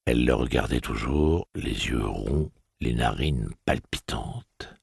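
A man reads a novel aloud in an extremely deep, gravelly voice with a husky, breathy grain. His delivery is steady and even. The recording is dry and close, with no room sound. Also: takes it slowly, no room sound. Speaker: audiobook narrator. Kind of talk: scripted narration.

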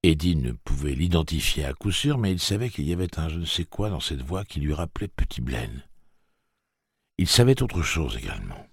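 A man reading a novel aloud as the narrator, in a steady, expressive way. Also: a bass voice, normal speed, creaky, husky, no echo, clean studio sound. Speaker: audiobook narrator. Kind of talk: scripted narration.

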